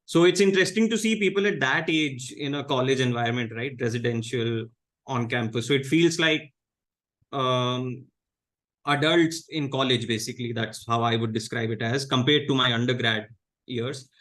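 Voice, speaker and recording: Indian man, 30s, low-key guest, measured talker, middle-pitched. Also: fairly bright tone. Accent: Indian English. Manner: measured, low-key, many fillers and restarts. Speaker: guest comedian. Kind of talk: casual interview chat.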